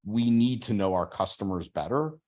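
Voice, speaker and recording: A man hosting a casual video call, talking in an animated way and acting out sample sales pitches. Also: normal speed.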